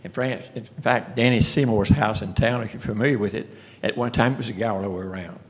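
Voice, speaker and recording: A man's voice: fairly low pitch, fast talker. A man giving a folksy, storytelling presentation at a city commission meeting. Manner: folksy storytelling, frequent restarts. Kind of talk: casual presentation.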